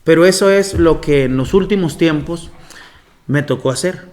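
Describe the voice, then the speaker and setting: Man telling stories, slightly high. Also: normal speed, a little mellow. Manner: storytelling with frequent laughter. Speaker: monsignor giving a lecture. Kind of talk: anecdotal lecture.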